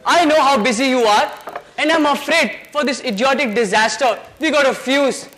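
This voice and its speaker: A man's voice: extremely high pitch, fairly bright tone, a little hiss or hum. A man playing a flustered young sculptor. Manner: nervous and hurried. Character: flustered young male sculptor hiding things. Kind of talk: amateur stage comedy acting.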